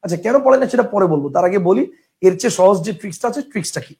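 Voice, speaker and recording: Young male teacher, high voice, drills lists by rote and quizzes the room. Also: animated, rapid-fire, creaky, darkish tone. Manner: drills by chanting lists, asks and answers own questions. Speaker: grammar teacher. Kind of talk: classroom lecture.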